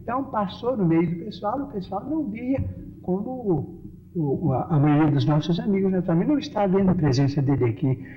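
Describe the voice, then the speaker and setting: High-voiced man telling an anecdote, lo-fi archive. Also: fairly quick, crowd noise. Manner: lively, animated storytelling with dramatic exclamations. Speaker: storyteller recounting an anecdote. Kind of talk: recorded talk, humorous anecdote. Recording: dull lo-fi archive recording with audience.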